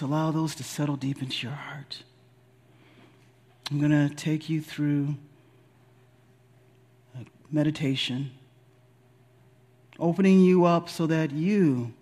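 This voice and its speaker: A man leading a guided spiritual meditation in a deliberate, soothing, gently instructive way with long pauses. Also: on the high side. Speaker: spiritual leader guiding a meditation.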